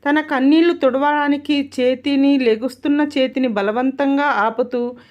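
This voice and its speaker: A woman narrating a romantic story in a steady, descriptive way. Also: high-pitched, normal speed, highs cut off.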